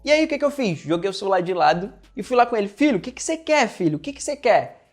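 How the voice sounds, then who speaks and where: A man's voice: sits high, very animated, fast. A man coaching in neurolinguistic programming gives an online lesson through personal stories, speaking straight to the listener and acting out the dialogue. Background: faint background music.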